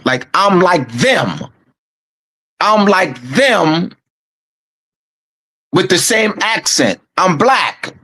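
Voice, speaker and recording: Host, male, Camden accent, halting reflective storyteller with a lively, slightly high voice. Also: husky, poor audio. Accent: Camden, New Jersey. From Camden, New Jersey. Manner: halting, repeats words, searching aloud.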